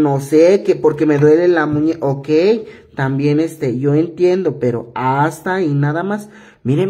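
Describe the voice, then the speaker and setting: Slow, husky-voiced man with a cough. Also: a little high, dark tone. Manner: patient, repetitive step-by-step instructing. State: hoarse from a cough. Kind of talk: hands-on craft tutorial.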